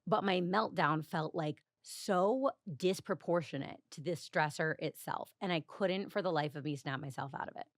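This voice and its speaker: Chatty, confessional woman podcaster, low-pitched. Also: normal speed, few pauses, dry recording, studio quality. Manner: chatty and confessional, heavy use of "like", frequent small laughs. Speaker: podcast host. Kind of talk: casual solo podcast storytelling.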